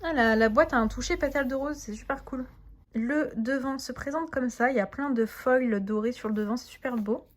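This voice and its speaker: A woman's voice: sits high, brisk. A woman doing a casual unboxing, chatty and enthusiastic with frequent hesitations, reading out card names and translating them. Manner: reads English card names aloud with translations. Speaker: tarot and oracle deck reviewer.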